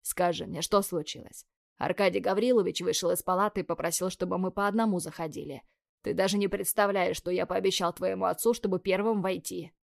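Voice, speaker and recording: A woman's voice: on the low side, fairly even intonation, brisk, gravelly, a little mellow, no room sound. Cocky young guy, smug but tender, takes his time, as a woman reads him, dry sound. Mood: coaxing. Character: young man, cocky affectionate fiancé.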